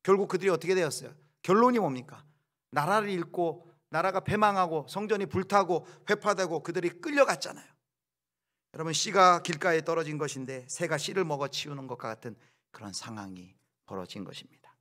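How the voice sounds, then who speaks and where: Korean-speaking pastor preaching with dramatic swings. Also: male voice, on the high side, brisk. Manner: preaching with acted quotes and sudden loud outbursts. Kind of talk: sermon.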